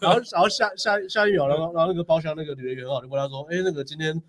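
Taiwanese co-host guy, tells stories fast, higher voice, animated. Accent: Taiwanese Mandarin. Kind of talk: casual podcast chat.

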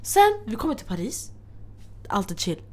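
A woman's voice: medium pitch, very animated, darkish tone. A young woman telling a story in casual chat, acting out other people's lines and laughing as she goes.

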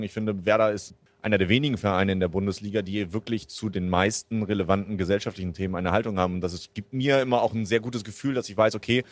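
A man's voice: on the low side, no echo. A man in his thirties from Bremen, chatting in an outdoor interview with many fillers and restarts. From Bremen, Germany. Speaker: interviewee, football fan. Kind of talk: casual interview. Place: outdoors at a stadium.

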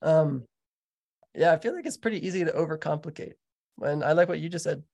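An American man with a creaky, gravelly voice hosts in a casual way. His conversational delivery suits a relaxed podcast interview. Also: fairly high pitch, fairly quick. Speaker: podcast host.

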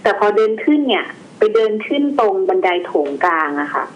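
A young woman telling a personal story in a casual chat, halting and hesitant, with many fillers. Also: mid-range voice, very animated. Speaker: guest storyteller. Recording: slightly dull, faint background noise.

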